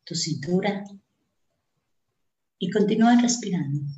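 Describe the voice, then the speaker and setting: Slow-paced woman in an echoey room. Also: mid-range voice, animated, dark tone, highs cut off. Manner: unhurried short phrases with long pauses. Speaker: host leading a guided breathing meditation. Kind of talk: guided meditation, slow and soothing instruction. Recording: roomy, echoing sound.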